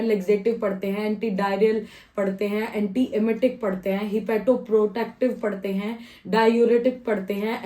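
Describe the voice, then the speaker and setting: Mellow-voiced young woman explaining, echoey room. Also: medium pitch. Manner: methodical, lists points one by one with frequent pauses. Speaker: Ayurvedic surgeon and postgraduate scholar. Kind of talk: informational explainer vlog.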